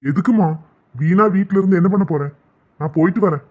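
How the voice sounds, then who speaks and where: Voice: mid-range voice, a little fast, close to an everyday voice. An actor voicing a stubborn young adult son in a cartoon, firm and exasperated with his mother. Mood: stubborn refusing. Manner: firm, exasperated, then panicked. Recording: tinny phone-like audio.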